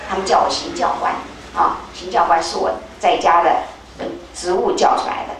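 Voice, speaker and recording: An older woman telling a religious testimony as a spiritual leader, animated, acting out voices with sudden high leaps. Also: moderate pace, vocal fry. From Taiwan. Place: temple hall. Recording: very echoey hall, distant mic, faint hiss.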